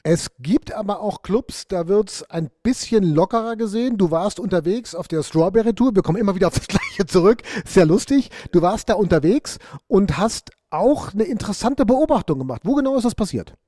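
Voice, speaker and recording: A man hosts a casual talk, his voice high-pitched yet mellow. He talks quickly in lively bursts, close to a dry mic. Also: no room sound. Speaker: podcast host. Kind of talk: casual chat.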